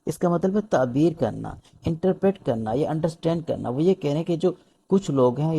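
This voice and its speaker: A young adult man from Pakistan with a Pakistani accent, teaching English vocabulary and reading newspaper phrases slowly before explaining them in Urdu. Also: a little high, vocal fry, warm tone.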